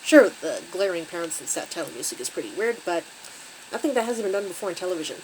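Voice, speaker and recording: A woman's voice: fairly low pitch, lively intonation, fast, a little hiss or hum, low-quality recording. A woman hosting her channel, recapping a creepy story with wry, conversational asides. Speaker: channel host and story reader.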